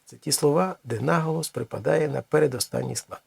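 A man teaching a language lesson, explaining slowly with many pauses and restarts. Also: on the high side, vocal fry, a little mellow, husky, dry recording.

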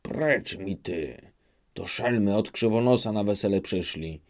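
A man's voice: lowish voice, measured pace, darkish tone. A man voicing a boastful, hot-tempered old nobleman who bellows insults and threats. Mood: scornful. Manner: bellowing, scolding. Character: blustering old noble knight, boastful and quick to anger.

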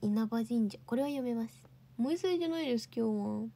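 A woman's voice: fairly high pitch, animated, fairly quick, vocal fry, mellow. A young woman hosting a casual livestream, chatting and answering viewer comments. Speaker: idol livestream host.

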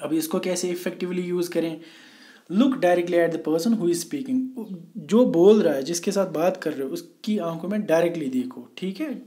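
Man, high and mellow, patient classroom lecturer who keeps checking that students follow. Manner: explains slowly, often asking "theek hai?". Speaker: teacher. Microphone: voice only, no camera.

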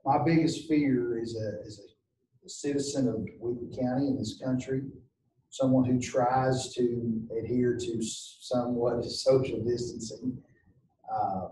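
A man on a video call talking in a measured, deliberate way. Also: medium pitch, fairly even intonation, dark tone, distant mic, a little hiss or hum. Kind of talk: board meeting discussion. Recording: roomy video call from off mic.

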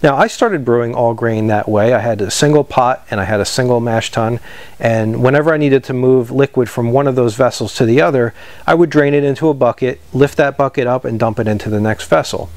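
A man in his thirties explains equipment choices in a steady, practical way, like a shop owner teaching customers. His voice sits at an ordinary middle pitch. The sound is dry, with no room echo. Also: a little fast. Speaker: homebrew equipment seller. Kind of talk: instructional product talk to camera. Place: indoor parts store room with shelves.

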